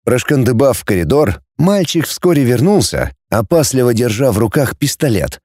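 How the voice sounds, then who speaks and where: A man narrates a storybook in a warm, mellow voice. His intonation is lively and expressive, and his pacing is measured. The recording is close and dry, with no room sound. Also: mid-range voice, dry recording. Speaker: audiobook narrator. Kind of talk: audiobook reading.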